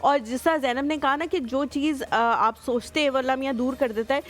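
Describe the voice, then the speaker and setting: A woman's voice: high voice, fairly even intonation, a little fast. A woman, co-hosting a morning show, upbeat and encouraging, mixing in English phrases. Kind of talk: casual TV chat.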